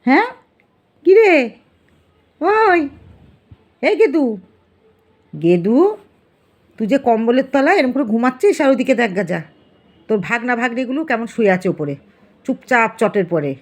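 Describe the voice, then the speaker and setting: A woman's voice: fairly high pitch, very animated, normal speed, pauses often. A woman talking affectionately to her pet cat at home, coaxing it in baby talk for a casual vlog. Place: home, indoors.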